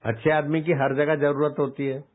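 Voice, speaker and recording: Male spiritual teacher, fairly high voice, folksy storytelling sermon, tinny phone-like sound. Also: level tone, normal speed. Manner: scolding rhetorical questions, folksy. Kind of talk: devotional storytelling discourse.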